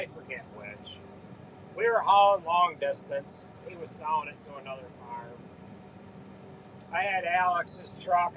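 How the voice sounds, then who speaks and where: A man's voice: fairly high pitch, pushed and bright, a little hiss or hum, rough recording. A man, a farmer, casually telling a story to his live stream viewers while loading hay, easygoing and laughing things off.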